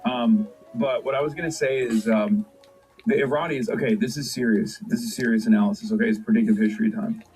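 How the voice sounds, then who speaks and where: A man's voice: mid-range voice, fairly even intonation, fairly quick, darkish tone, soft background music, low-quality recording. A man streaming and reacting to news clips, talking sarcastically and in disbelief, often rambling.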